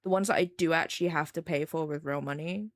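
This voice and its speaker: A young English woman with a low-pitched voice and a faint Midlands accent chats quickly with her live-stream chat while drawing. She rambles and pokes fun at herself. The recording is dry and studio quality.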